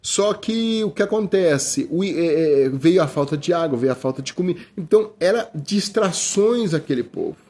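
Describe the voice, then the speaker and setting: A middle-aged Brazilian man with a Brazilian Portuguese accent delivers an informal, conversational sermon, often calling listeners "brother" and restarting frequently. His voice is high, animated, and darkish in tone, at a moderate pace with hardly any pauses.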